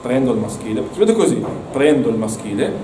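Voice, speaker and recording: This medium-pitched man speaks briskly and expressively while leading an Arabic lesson, cheering students on and saying words again. The mic is far across a reverberant classroom, and background noise is present.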